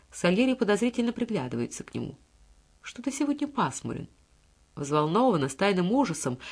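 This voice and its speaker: A woman narrates a literary audiobook with measured, expressive phrasing. Her voice sits at a middle pitch, and she gives each sentence careful weight.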